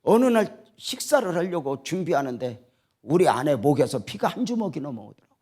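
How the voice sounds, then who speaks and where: A male pastor delivers a revival sermon, his somewhat high voice climbing and falling in wide, lively swings. He drops to near whispers for quiet moments and then surges back up with feeling. The sound comes from inside a church sanctuary. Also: a little fast, breathy edge. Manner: swings between hushed quoted dialogue and rising emotional preaching.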